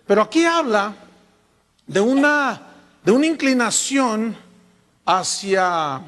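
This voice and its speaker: High-voiced Mexican pastor preaching in a hall. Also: male voice, slow. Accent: Mexican Spanish. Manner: lively preaching, rhetorical questions to the congregation. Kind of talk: sermon. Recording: long reverb from a large hall.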